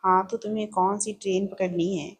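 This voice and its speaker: A woman's voice: mid-range voice, steady tone, fairly quick, breathy edge, close to an everyday voice. A woman voicing a strict, commanding middle-aged mother-in-law in a read-aloud family story. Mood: stern. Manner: bossy, commanding.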